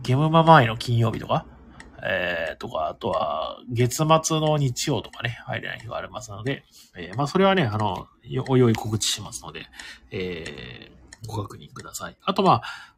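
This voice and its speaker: A man hosting a casual live audio stream, chatting loosely with lots of fillers and reading listener comments, his voice hoarse and fading. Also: medium pitch, a bit bright, a little hiss or hum. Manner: rambling and chatty, many fillers, talks to himself. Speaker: live audio stream host, board game venue owner.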